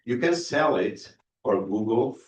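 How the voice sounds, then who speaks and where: A man acting as judge who gives friendly, hesitant feedback on a pitch, stopping and restarting often. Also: lively intonation, a little slow, a little hiss or hum. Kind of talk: spoken feedback. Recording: echoey room, distant mic.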